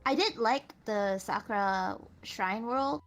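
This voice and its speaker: A young woman chats in a soft, halting way, full of fillers and restarts. Her connection keeps dropping, so her voice cuts out and swings unevenly in volume. Faint music plays behind her. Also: on the high side. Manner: soft-spoken, hesitant, many fillers and restarts. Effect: choppy online voice chat that cuts out, uneven volume. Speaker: guest streamer. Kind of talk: casual online voice chat.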